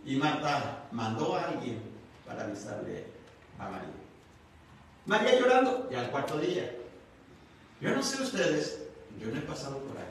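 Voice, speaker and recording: High, lively man preaching in an echoey hall. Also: a little hiss or hum. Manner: expressive storytelling, asks the listeners questions. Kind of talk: sermon. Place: church service. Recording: echoey church hall, mic at a distance.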